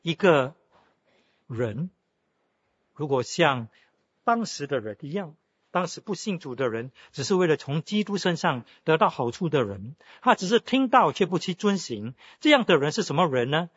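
A man's voice: on the high side, very animated, normal speed, fairly bright tone, breathy edge, no echo, highs cut off. A man preaching a sermon, telling a story with frequent exclamations. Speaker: pastor.

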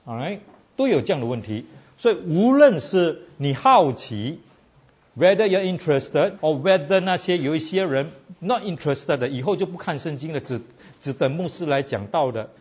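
Switching between Chinese and English, a lively male preacher teaches a Bible class in a casual sermon style, frequently checking with the audience, "all right?" His voice is husky and fairly high-pitched, and the recording sounds muffled.

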